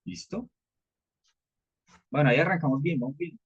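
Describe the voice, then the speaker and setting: A man's voice: a little high, moderate pace, creaky, husky. A man leading a live cybersecurity training, explaining at a conversational pace and often checking in with the group. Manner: conversational teaching, frequent "¿listo?" checks, repeated fillers. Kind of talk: live training session with participants. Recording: dull lo-fi audio.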